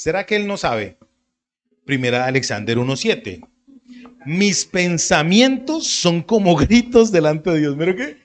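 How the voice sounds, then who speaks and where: Animated preacher man. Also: fairly high pitch. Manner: animated, conversational preaching with acted-out quotes. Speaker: pastor. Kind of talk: sermon.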